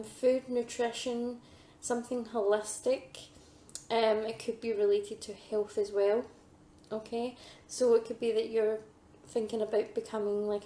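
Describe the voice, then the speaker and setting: A woman who is a psychic medium giving a pick-a-card tarot reading, hesitant with many ums, losing her voice and clearing her throat. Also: on the high side, warm tone, reverberant, a little hiss or hum.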